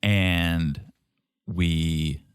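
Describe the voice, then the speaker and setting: A man's voice: low-pitched, steady tone, drawn-out words, clear, resonant tone, dry recording, studio quality. A man with a Boston accent co-hosting a casual podcast, bantering in a wry, joking way. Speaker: podcast co-host.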